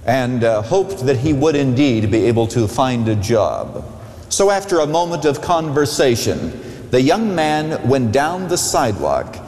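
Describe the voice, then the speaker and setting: A man pastor preaching a sermon at a pulpit microphone, telling a story with an expressive, storytelling delivery. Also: mid-range voice. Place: large church sanctuary. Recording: echoey church hall with long reverb.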